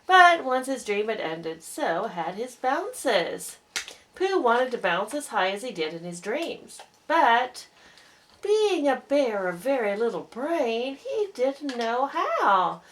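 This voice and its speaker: A woman with a fairly high voice reads a children's storybook aloud, narrating expressively.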